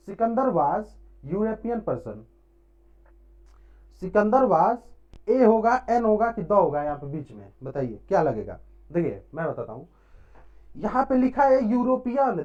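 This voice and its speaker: A man teaching an English grammar lesson, asking questions and answering them himself with frequent short check-ins. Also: high-pitched. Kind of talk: classroom-style grammar lesson. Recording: dull lo-fi recording.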